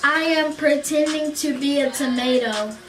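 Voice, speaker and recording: A high-pitched woman speaks slowly and deliberately, repeating short phrases in casual game chat. The room is echoey and music plays behind her.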